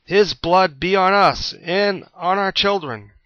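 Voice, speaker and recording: A man voicing a jeering, mocking mob in a scripture reading, shouting taunts. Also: high voice, slow pace, no echo, highs cut off, pitched above the performer's own voice, full character voice.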